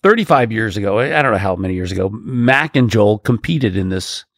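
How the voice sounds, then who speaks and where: Male podcast co-host, animated storyteller with a very lively pitch, dry mic. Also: fairly quick, no room sound. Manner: animated storyteller who laughs often. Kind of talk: casual chat.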